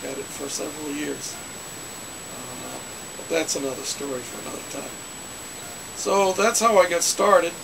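Gravelly older man telling car stories. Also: on the high side, normal speed, long pauses. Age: 60s. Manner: rambling, folksy, many uh fillers. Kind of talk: casual storytelling to camera. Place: small cluttered home den. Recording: hissy webcam recording.

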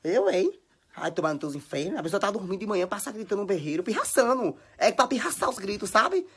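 Husky Bahian woman ranting dramatically. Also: mid-range voice, big pitch swings, fast, a bit bright. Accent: Bahian Brazilian Portuguese. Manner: dramatic, exaggerated and scolding, full of exclamations. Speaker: social media personality. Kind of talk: casual phone stories monologue. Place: at home.

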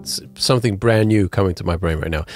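A man in his thirties talks fast in a low voice, sounding stuffy and congested as he hosts a podcast from his home music studio. Between bits of his own piano playing, his casual solo talk rambles frankly with constant self-corrections, captured on a studio mic on a boom arm while he wears headphones.

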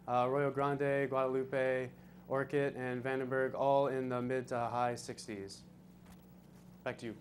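A man's voice: medium pitch, flat delivery, a little slow, slight background noise. A man giving the local weather forecast in a casual way, with plenty of filler uhs. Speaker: weather reporter.

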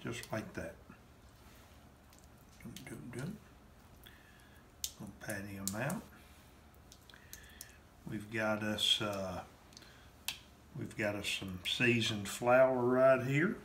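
A man hosts a cooking demonstration in his home kitchen, walking plainly through each step. His voice sits on the low side and he speaks very slowly, with long pauses. Background noise and the echo of a roomy kitchen come through on the recording.

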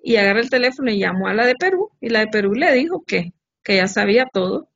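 A woman recounting a story in conversation, lively and full of tag questions. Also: on the high side, quick pace. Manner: animated, with frequent tag questions. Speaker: interviewee. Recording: dull lo-fi recording.

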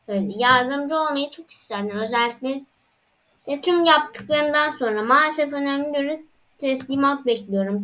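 A man's voice: very high-pitched, bright, forceful tone, exaggerated voice. A male gamer reading out the lines of a friendly woman character from a video game in his own voice. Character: friendly woman bridge keeper.

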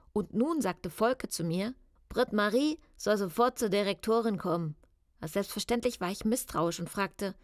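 A woman's voice: mid-range voice, dry recording, studio quality. A woman reading a children's audiobook in a confiding, wry first-person voice. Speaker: audiobook narrator.

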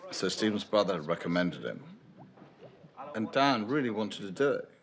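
An older man speaks in a very deep, low register, sitting for a documentary interview in a dim, lamp-lit room. He muses aloud as a screenwriter, circling back, restarting phrases and leaning on "you know" as he thinks. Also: sing-song, normal speed, gravelly. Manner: thoughtful, musing, with frequent restarts and "you know". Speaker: screenwriter interviewed about his film. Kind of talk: reflective interview answers. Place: dim indoor room with lamps behind. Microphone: medium shot, seated, unseen mic.

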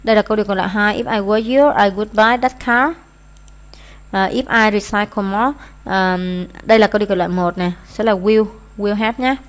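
A woman's voice: mid-range voice, steady tone, fairly quick. Woman walking through exam answers. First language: Vietnamese. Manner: explains in Vietnamese, reads English phrases aloud; hesitant, frequent fillers. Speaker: English teacher.

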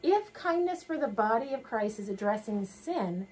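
A woman co-hosting a sermon discussion in a small wood-paneled room, speaking in a measured, thoughtful way. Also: fairly high pitch, very animated, darkish tone, slightly rough, low-quality recording. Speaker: co-host. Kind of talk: conversational sermon dialogue.

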